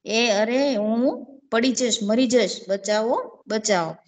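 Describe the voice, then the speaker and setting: A woman's voice: fairly high pitch, slow pace. A woman voicing a playful, teasing little female ant in a children's story, giggling as she talks. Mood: panicked. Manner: giggly, teasing, cries for help when falling.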